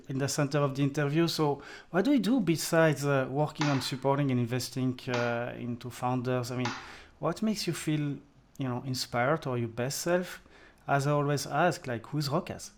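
A man's voice: medium pitch, moderate pace, slight background noise. Upbeat male podcast host. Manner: upbeat, with frequent uh fillers. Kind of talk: podcast interview.

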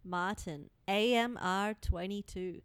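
A woman's voice: medium pitch, slow pace, clean tone, no echo. Giggly Australian woman co-host. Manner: giggly, teasing. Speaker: podcast co-host. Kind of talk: casual chat.

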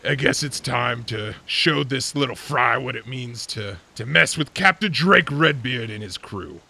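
A gravelly, low dragon voice acted by a man at the game table, a huge old-salt pirate captain who is gruff and loyal to his crew. It growls with a hard, forceful edge over faint background noise. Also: lively intonation, measured pace, full character voice. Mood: defiant. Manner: booming, growling giant dragon voice. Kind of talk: tabletop role-play character acting.

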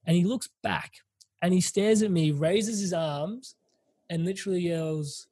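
Husky man telling a rowdy story. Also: high-pitched, a little slow, no echo. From from overseas, visiting family in India. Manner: animated, swears and laughs mid-story. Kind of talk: casual storytelling chat.

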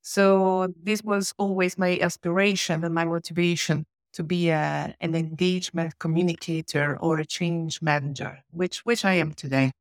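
A woman with a voice on the low side speaks as a guest in a podcast interview, explaining steadily and filling frequent pauses with "uh." Originally Italian-speaking, she comes from Switzerland and southern Italy and works in change and communication management. The recording is dry, close, and echo-free.

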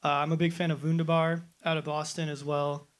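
A man's voice: a little high, level tone, brisk. A nineteen-year-old man in a band, answering interview questions in an easygoing, rambling way. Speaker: band member, interview guest.

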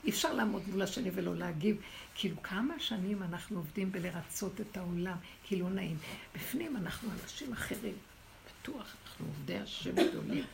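A woman's voice: mid-range voice, expressive, gravelly. A middle-aged woman teaching a religious women's class, exhorting and challenging her listeners. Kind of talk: spiritual class with questions from listeners. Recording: noisy room recording.

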